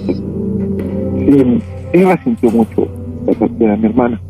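A man with a Mexican accent, a radio caller telling a personal story in a lively way and acting out the dialogue. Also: mid-range voice, a little slow, over music. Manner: animated, acts out quoted dialogue. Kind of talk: casual phone-in storytelling.

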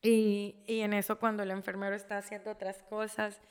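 A woman with a Mexican accent telling an emotional personal story, halting, with many restarts and repeated words. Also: mid-range voice, flat delivery, clean tone, in a large hall.

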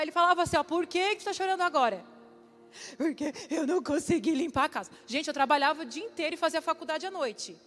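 A woman, preaching to a church women's audience in a chatty, lively way. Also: high voice. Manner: lively, chatty, acts out quotes. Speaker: women's ministry speaker. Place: church hall. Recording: live church hall with music underneath.

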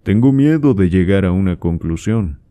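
A man reading aloud and voicing a proud, reserved young gentleman who answers his father formally and dryly. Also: low-pitched, expressive, normal speed. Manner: dry, formal replies.

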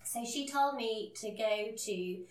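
A woman's voice: fairly high pitch, slow. A woman tells a story in an earnest, casual way and laughs at her own slips. Her voice carries a roomy echo. She sits a little back from the microphone. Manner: earnest, self-deprecating, laughs at herself. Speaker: podcast co-host. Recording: roomy, a bit distant from the mic.

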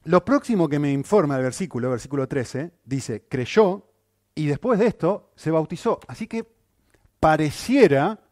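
Animated man preaching, lively pitch. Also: moderate pace, no echo, clean studio sound. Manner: animated preaching with rhetorical questions and a frequent "¿sí?" check. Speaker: pastor. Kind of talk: sermon.

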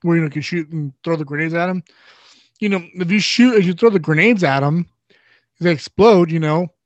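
A man's voice: on the high side, brisk, no echo, highs cut off. A young man in casual chat about video games, rambling loosely and swearing often.

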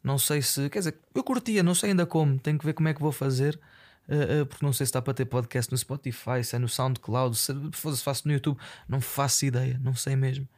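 A young man with a European Portuguese accent hosts a casual solo podcast, speaking close to the mic. His medium-pitched, slightly mellow voice holds a steady tone as he talks fast and rambles. He swears a lot and drops in English fillers.

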